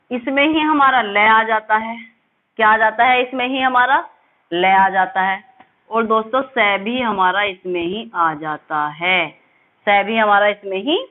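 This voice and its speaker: A woman teacher giving a lesson, drilling sounds slowly and asking and answering her own questions. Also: on the high side. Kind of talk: classroom lesson. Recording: tinny phone-like audio.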